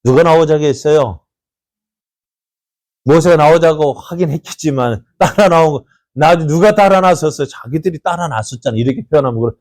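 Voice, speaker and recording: Male preacher, higher-pitched, quizzes the congregation and acts out the quotes; dry sound. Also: fairly quick, no room sound. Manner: animated preaching with rhetorical questions and acted-out quotes. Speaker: pastor. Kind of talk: sermon. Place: church.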